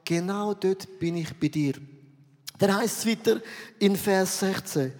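A high-voiced middle-aged man with a Swiss German accent preaches in a slow, deliberate way. He swings between loud outbursts and hushed low lines, and his voice rings through a large hall with long reverb. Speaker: pastor. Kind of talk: sermon.

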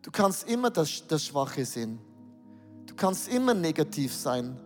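A man's voice: on the high side, big pitch swings, a little slow, long reverb tail, faint music behind. A man with a Swiss German accent preaching a sermon, emphatic, repeating words and asking rhetorical questions.

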